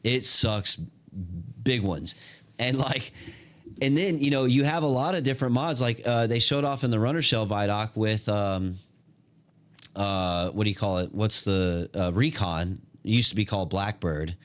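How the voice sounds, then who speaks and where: Excited slangy male gamer, lowish voice. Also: moderate pace. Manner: excited, slangy, lots of fillers and restarts. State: hiccuping. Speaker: gaming content creator. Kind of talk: casual gameplay commentary.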